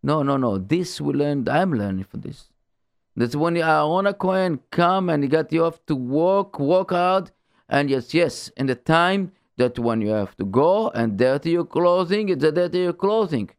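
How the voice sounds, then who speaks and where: Gravelly man teaching Torah haltingly. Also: a little high, no echo, studio quality. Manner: halting, repetitive, searching for words; animated rhetorical questions and exclamations. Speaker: religious teacher. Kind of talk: informal Torah talk.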